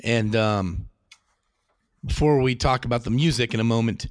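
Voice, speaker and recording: A man hosting a casual TV podcast, relaxed, putting questions to his co-hosts. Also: medium pitch, normal speed, dry recording, clean studio sound. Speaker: podcast host. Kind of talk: casual chat.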